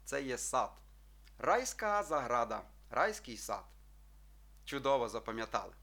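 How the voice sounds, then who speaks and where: A male teacher walks his viewers through a language lesson in an explanatory tone. His voice is bright and forceful, and he keeps checking in with his listeners. He draws out his example words slowly so they can follow. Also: medium pitch, big pitch swings. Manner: addresses listeners as friends, checks with frequent "так?"; slow, drawn-out model pronunciations.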